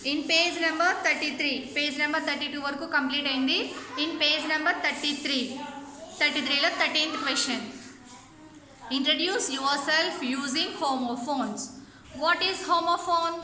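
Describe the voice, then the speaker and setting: High bright Telugu-accented woman teacher. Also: reverberant. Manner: slow deliberate English, quicker Telugu explanations; spells words out letter by letter. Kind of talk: online English lesson for children.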